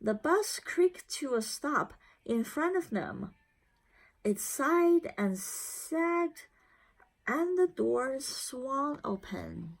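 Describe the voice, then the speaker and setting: A woman reading a children's storybook aloud in expressive, deliberately phrased narration. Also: high voice, gravelly, low-quality recording. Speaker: storybook reader.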